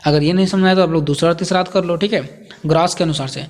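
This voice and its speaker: रुक-रुक कर समझाता शिक्षक, गूंजता कमरा. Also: male voice, a little high, fairly even intonation, rapid-fire, big-room sound. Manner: repetitive, asks and answers own questions. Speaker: teacher. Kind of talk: explaining lecture.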